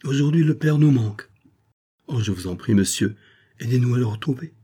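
A man's voice: mid-range voice, animated, fairly quick, mellow, husky, pitched above the performer's own voice. A man voicing a distraught young woman who pleads anxiously for help finding her missing father. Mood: pleading, distressed.

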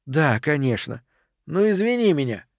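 A man's voice: on the high side, big pitch swings, moderate pace, no echo. A fed-up young woman with a biting, sarcastic edge, as a male audiobook reader puts her on. Her voice sits raised and dry, with a clipped storybook delivery. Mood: curt.

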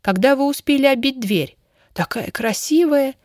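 A woman voicing an older, affectionate and excitable grandmother who asks eager questions. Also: high voice, normal speed, dry recording, clean studio sound, pitched above the performer's own voice.

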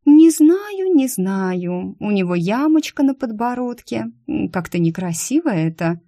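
A fussy young woman who finds fault with everything, voiced by a female audiobook reader. Her voice sits a touch higher than the reader's own and stays soft and mellow. The sound is dry and close. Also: very animated, a little slow, dry recording, exaggerated voice. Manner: capricious, fault-finding. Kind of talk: audiobook character voice.

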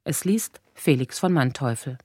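A woman presenting a radio program, reading a short scripted announcement in a neutral, clear way. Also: extremely low pitch, animated, normal speed, dark tone, no echo, clean studio sound.

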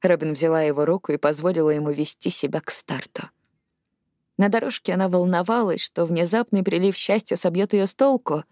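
A woman narrating an audiobook, reading in an expressive way that rises with the action. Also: lowish voice, a little fast, no echo, clean studio sound. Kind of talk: scripted narration.

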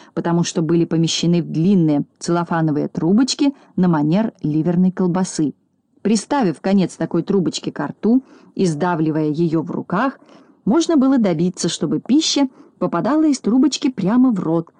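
Mellow-voiced woman reading a storybook. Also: lowish voice, animated, brisk, no echo. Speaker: narrator. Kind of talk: reading a children's story aloud.

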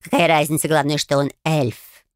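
A woman voicing a grumpy, sarcastic male cat familiar who drawls his mocking remarks in a gravelly voice. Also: low voice, flat delivery, normal speed, dry recording, studio quality, natural voice. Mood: grumbling. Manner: mocking, exasperated.

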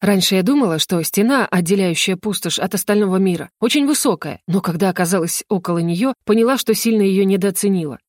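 A woman's voice: medium pitch, fast, few pauses, dry recording. Woman narrating an audiobook, dry sound. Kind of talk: first-person fantasy audiobook narration.

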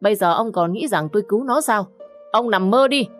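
A woman's voice: mid-range voice, animated, brisk, soft background music, lightly acted. A woman voicing a cold, gloating young man who scorns his begging father. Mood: scornful. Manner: cold and mocking.

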